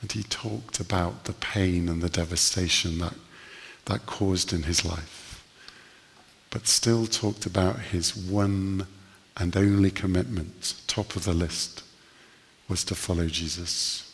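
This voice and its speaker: A man preaching a sermon, telling stories earnestly with slow, emphatic pauses. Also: sits low, steady tone, creaky, big-room sound.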